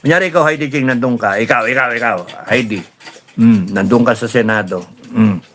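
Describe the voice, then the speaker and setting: A man hosting a casual live stream, reading viewer comments and telling stories in a rambling, animated way with many fillers. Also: mid-range voice, a little fast, a little hiss or hum. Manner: rambling, animated storytelling with laughs and repeated fillers.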